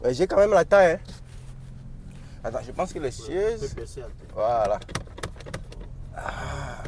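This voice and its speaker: A man's voice: medium pitch, very animated, slow, darkish tone, a little hiss or hum. A man with a Cameroonian accent, chatting and joking through a casual car review while driving. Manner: chatty and joking, shows features as he goes. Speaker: car vlogger.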